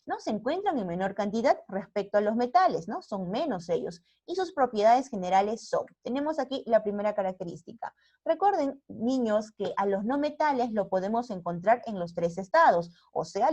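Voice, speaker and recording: A woman's voice: medium pitch, a little mellow, lo-fi sound. A female primary school teacher with a Peruvian Spanish accent giving an online science lesson, constantly asking rhetorical questions and checking in with the class.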